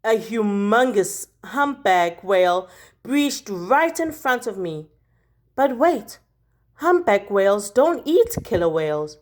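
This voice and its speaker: In a medium-pitched, sing-song voice, a woman reads a children's picture book like a teacher would. She reads expressively, leaning dramatically and deliberately on key words.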